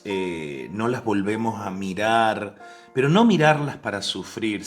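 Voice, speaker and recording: Argentine guy telling a story in a sermon, lower voice, asks the crowd stuff, soft music behind. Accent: Rioplatense Spanish. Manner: conversational, many restarts and questions to the listeners; acts out the voices in his story. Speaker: preacher.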